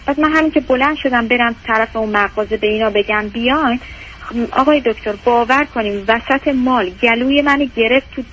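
A woman's voice: a little high, fairly bright tone, a little hiss or hum, rough recording. A woman calling in to an advice show by phone, telling her story in a distressed, rambling way. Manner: distressed, fast rambling, tearful at times. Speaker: caller.

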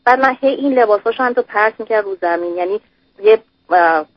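A woman calling in to an advice radio show by phone, telling her story in a rambling, hesitant way and dropping in English words. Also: mid-range voice. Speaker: caller. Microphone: telephone. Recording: muffled phone line on radio.

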